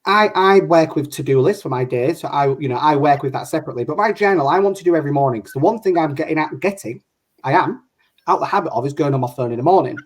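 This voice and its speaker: A man's voice: fairly high pitch, lively intonation, quick pace. A man with a northern English accent chats casually as an online show host. He rambles along and often breaks off his own sentences to start again. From Hull, England. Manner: chatty, rambling, self-interrupting. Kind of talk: casual chat.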